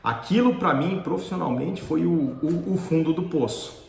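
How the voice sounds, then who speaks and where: A middle-aged man recounts a memory in an earnest, halting way, restarting his phrases as he goes. His voice sits a little high for a man. It rings in a room with a long, echoing reverb. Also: vocal fry. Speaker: dentist and teacher. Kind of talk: personal storytelling.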